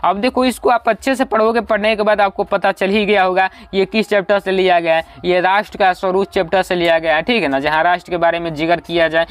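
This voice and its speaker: High-voiced man teaching exam prep. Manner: explains step by step, often asks ठीक है ना, slows down to read verses aloud.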